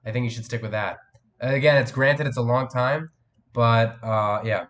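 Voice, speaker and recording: A man's voice: mid-range voice, fairly even intonation, normal speed, fairly bright tone. A teenage boy with a cold, hosting a live stream and chatting casually with viewers, rambling with many fillers and restarts. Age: teens. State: has a cold, voice cracks.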